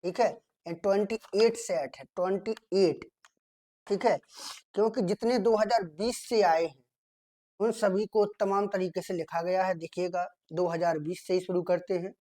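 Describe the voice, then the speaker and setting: A man from India teaching a grammar lesson for an exam. He reads the sentences out slowly and keeps checking in with his students, asking and answering his own questions. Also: high voice, fairly even intonation, warm tone. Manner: repeats "theek hai" often, asks and answers his own questions.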